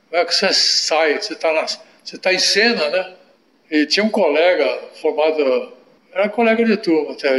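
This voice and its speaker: An older Brazilian man with a fairly high voice tells stories in an animated, anecdotal manner. His talk is full of little tag questions. The sound carries an echoey room. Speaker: interview guest. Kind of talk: storytelling in an interview.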